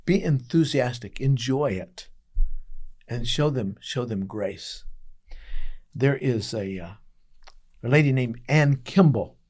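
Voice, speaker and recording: A man as a pastor giving a daily devotional message, telling a story earnestly with emphatic pauses. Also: medium pitch, expressive, darkish tone.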